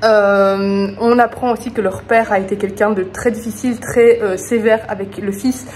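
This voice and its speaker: A woman's voice: medium pitch, steady tone, normal speed, a little mellow, slight background noise. A woman book vlogger chatting casually to camera at home, enthusiastic and full of small hesitations.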